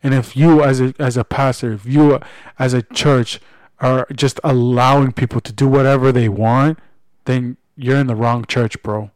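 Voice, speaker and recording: A man's voice: medium pitch, steady tone, normal speed, darkish tone, dry recording. A man speaking bluntly and earnestly in a casual religious discussion, in colloquial language. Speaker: podcast co-host.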